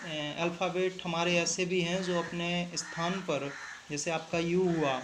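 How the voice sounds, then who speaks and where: A man's voice: on the high side, little pitch movement, unhurried, background noise. A man teaching an online phonics lesson, patiently repeating points, asking questions and answering them himself, and calling his students "beta". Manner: calls students "beta" fondly.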